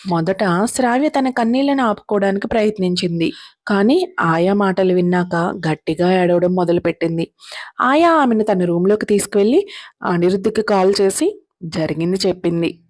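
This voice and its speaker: A woman narrating a serialized drama story in a steady, dramatic reading style. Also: medium pitch, moderate pace, no room sound, studio quality.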